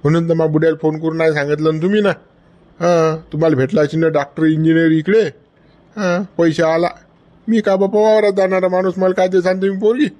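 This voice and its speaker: A man plays a hot-headed young farmer from a village. His voice sits a little high, and his words come loud, fast and quarrelsome. He keeps pushing with a challenging "huh?". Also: steady tone, natural voice. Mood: angry. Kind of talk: village comedy skit.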